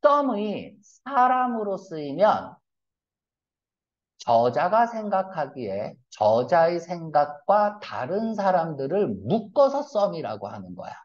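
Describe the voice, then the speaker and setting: A male English teacher giving a classroom lecture, his pitch jumping up and down as he explains. He keeps asking rhetorical questions and throws in blunt, slangy asides. The recording sounds dull and lo-fi. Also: sing-song, slow. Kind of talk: classroom lecture on reading comprehension.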